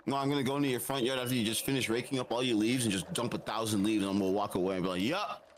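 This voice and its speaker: A man's voice: lowish voice, steady tone, very fast, slight background noise. A man chatting casually with a friend on stream, teasing playfully and making mock threats. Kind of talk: casual chat.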